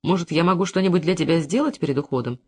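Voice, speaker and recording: An audiobook reader voicing a patient, slightly guilty husband who speaks softly and coaxingly. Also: medium pitch, rapid-fire, lightly acted. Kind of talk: audiobook character reading.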